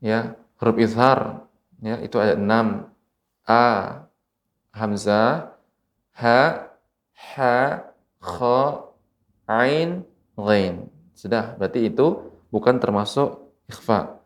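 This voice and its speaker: A man from Indonesia teaching Quran recitation rules on television, speaking slowly and patiently and repeating each example word. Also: fairly low pitch. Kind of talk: televised tajwid lesson. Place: TV studio.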